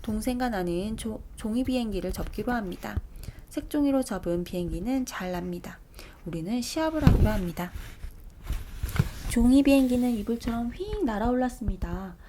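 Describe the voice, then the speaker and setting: A woman's voice: fairly high pitch, moderate pace, slight background noise. Woman reading a children's story aloud. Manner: expressive, animated narration with soft asides. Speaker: storybook reader.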